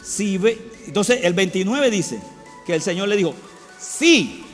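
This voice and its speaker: A man's voice: sits high, lively intonation, moderate pace. A man preaching a sermon in a church, repeating his phrases and putting questions to the congregation. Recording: reverberant hall with faint music.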